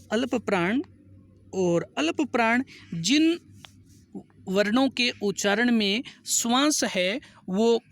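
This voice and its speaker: A teacher with a mid-range, slightly bright voice gives an exam-prep grammar lesson. They go through the questions one at a time, repeating each answer and reading the question numbers out in English.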